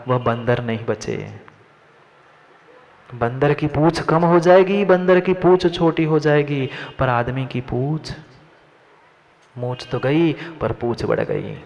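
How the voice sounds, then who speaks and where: A man's voice: mid-range voice, darkish tone, slight background noise. A man giving a Jain sermon, addressing listeners by name and repeating his lines for emphasis. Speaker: Jain monk preacher. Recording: dull lo-fi sound.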